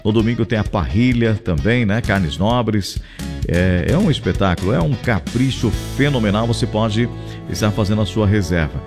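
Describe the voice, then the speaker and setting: Over music in a radio studio, a male host with a southern Brazilian accent runs a live show of chat, shout-outs and ad reads. His lowish voice is animated at normal speed, and he's chatty and effusive, often repeating his phrases.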